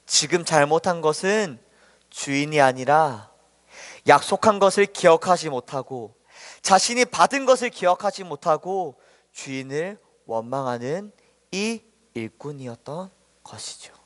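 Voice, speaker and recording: A man gives a children's sermon, telling a Bible story gently and stopping often to ask the young listeners questions. His voice is fairly high for a man, and a long reverb trails after each phrase in a large hall. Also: lively intonation, measured pace.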